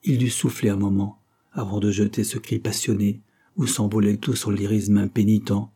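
A man narrating a classic novel as an audiobook in a measured, grave reading. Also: on the low side, level tone, dark tone, slightly rough.

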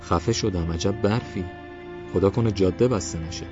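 A man voicing a gruff, blunt male truck driver with rough, cursing colloquial talk in an audiobook story. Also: low voice, natural voice. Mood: annoyed. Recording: slightly muffled, soft music behind.

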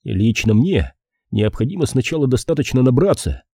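Guy doing a sarcastic boozy detective, low warm husky voice, laid back and mocking. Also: big pitch swings, dry recording. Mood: dry mocking. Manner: dry, mocking, unhurried. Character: sardonic, hard-drinking male private detective.

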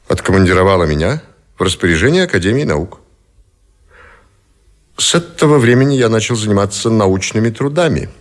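In a radio play, an actor voices a middle-aged admiral held captive, delivering formal, measured, dignified testimony. His male voice sits on the low side, and the mood is dignified and reflective.

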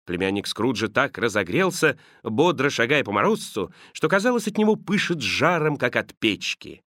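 A man narrating a classic novel in an expressive storytelling manner. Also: medium pitch, moderate pace, no echo, studio quality. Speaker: audiobook narrator.

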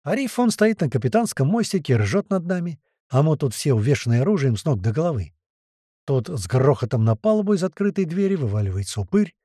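A man narrating an audiobook in the first person, with lively, slangy storytelling. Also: on the high side, fairly quick, no echo, clean studio sound.

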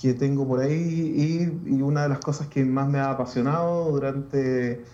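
A Chilean man, a Lutheran pastor, talking reflectively in a casual interview with many restarts and pauses. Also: medium pitch, steady tone, dark tone, roomy sound, muffled recording.

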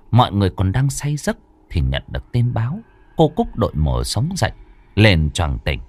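A man's voice: fairly low pitch, darkish tone, husky, dry recording. Dramatic male ghost-story narrator, wide-ranging. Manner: suspenseful, vivid storytelling cadence.

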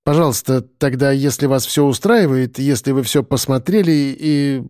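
A man voicing a slick, eager male realtor pitching an apartment in a wheedling way. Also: normal speed, a little mellow, no room sound, studio quality, close to an everyday voice. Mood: salesy. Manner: wheedling, salesy.

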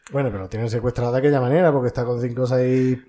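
A man with a Spanish accent co-hosting a casual film podcast, recounting scenes in a lively storytelling manner. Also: medium pitch, very fast. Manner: animated storyteller, quotes lines in voices. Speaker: podcast co-host.

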